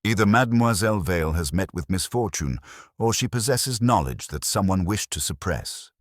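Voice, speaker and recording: A man voices a fussy, meticulous older Belgian detective, speaking in a measured, formal manner. His voice is very deep yet moves lively up and down in pitch. The recording is close and dry, with no echo.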